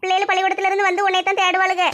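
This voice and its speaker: A woman voicing a mother-in-law who gently coaxes her daughter-in-law to come home. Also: extremely high pitch, completely flat delivery, racing. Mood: coaxing. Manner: soothing and persuading.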